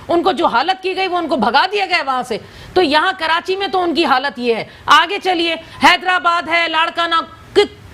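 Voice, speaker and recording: A woman's voice: very high-pitched, a bit bright. A woman from Sindh, a political guest in a TV studio, arguing insistently and talking over the host in a heated debate. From Sindh, Pakistan. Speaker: political guest on a TV talk show.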